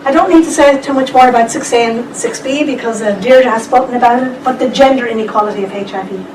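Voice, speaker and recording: A woman's voice: a little high, quick pace, a little mellow. A woman giving a chatty presentation at a seminar, with asides to the audience. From Ireland. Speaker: conference speaker. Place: lecture room. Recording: echoey room, distant mic, background noise.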